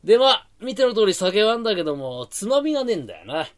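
A man doing a gruff Edo tenement ringleader. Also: high-pitched, sing-song, quick pace. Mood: coaxing. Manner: gruff, bossy, rough-tongued.

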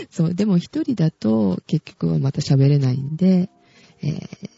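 A woman's voice: fairly low pitch, very animated, a little slow, creaky, dark tone, husky, no echo. A woman hosting a casual podcast chat, chatty and giggling often. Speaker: podcast host. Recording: dull, dry lo-fi recording.

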